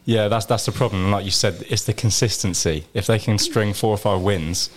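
Deep-voiced male pundit, rattles off his points quickly, animated and conversational. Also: a crowd in the background. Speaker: sports radio pundit. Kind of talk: casual sports radio chat.

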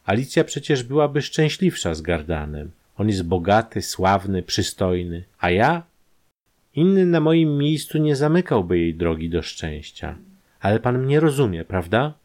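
A man's voice: lowish voice, sing-song, measured pace, a little mellow. A man voicing a shy young painter who speaks nervously and pleads with rising desperation. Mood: pleading. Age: young adult.

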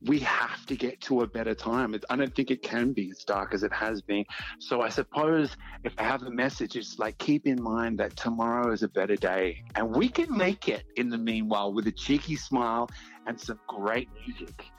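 A man with a creaky voice, speaking earnestly and affirmingly in a radio interview chat. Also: mid-range voice, expressive, moderate pace. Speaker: radio show host, guest on air. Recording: dull lo-fi sound, music behind. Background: music.

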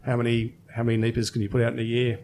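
A man's voice: medium pitch, monotone, racing, darkish tone, a little hiss or hum. A man of fifty, a brewery co-founder, chatting casually as a guest and thinking aloud with many fillers. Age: 50s. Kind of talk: casual interview chat.

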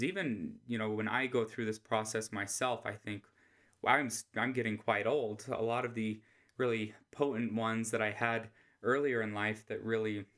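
An American man giving an informal religious lesson in a soft, quiet voice, with a flat monotone manner. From Utah, United States. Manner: flat monotone, speaking low without inflection. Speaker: host of a scripture study podcast. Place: quiet room at home.

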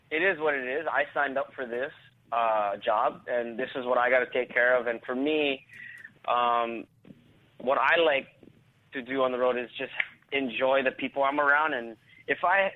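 A professional surfer from Hawaii, speaking at a medium pitch with no echo, chats casually as an interview guest. He's laid-back and often repeats himself, heard over a tinny phone-call line.

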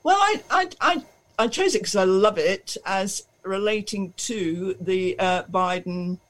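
A man's voice: high-pitched, expressive, unhurried, a bit bright, poor audio. A man chatting casually on radio, stumbling over words and restarting often.

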